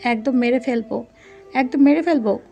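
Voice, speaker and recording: A woman's voice: a little high, moderate pace, dark tone, soft background music, close to an everyday voice. Woman reading as an angry jealous husband. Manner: angry, threatening, clipped. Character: hot-tempered jealous young husband, man.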